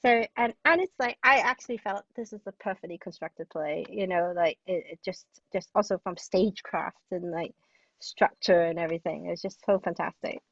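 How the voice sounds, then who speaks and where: With a lowish, slightly bright voice at normal speed, a guest playwright from Hong Kong chats with enthusiasm about plays in a casual literary discussion. She digresses and sprinkles in "like" and "you know" constantly. There's no echo, but the recording is distant, dull, and lo-fi.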